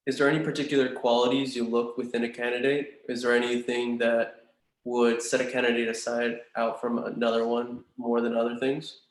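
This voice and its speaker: A man's voice: mid-range voice, flat delivery, fairly quick. Young man in a big echoey room. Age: 20s. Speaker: student in a practice job interview. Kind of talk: earnest, formal interview answers. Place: room in a large house. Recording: big echo of a large home room.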